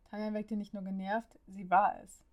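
A woman narrating a story as an audiobook reader, reading with an even, steady delivery. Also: medium pitch, normal speed, lo-fi sound.

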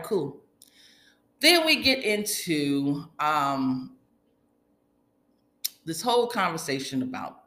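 A woman giving casual, opinionated reality TV commentary as a host, with colloquial sassy asides and animated retellings of what others said. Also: deep voice. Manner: animated retelling, acting out others' quoted remarks. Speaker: host of a reality TV recap show. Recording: echoey, reverberant room.

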